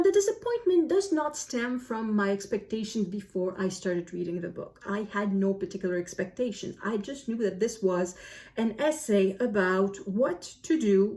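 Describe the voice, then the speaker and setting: A woman book vlogger reviews to camera in a casual way, frequently pausing and rephrasing herself. Her voice is mid-range and a little mellow.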